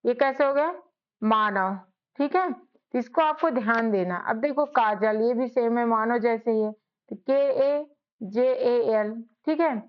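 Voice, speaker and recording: A woman's voice: fairly high pitch, moderate pace, smooth, muffled recording. A woman teaching spelling, who spells words out letter by letter and repeats each word. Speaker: English teacher, channel host. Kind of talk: spoken spelling lesson.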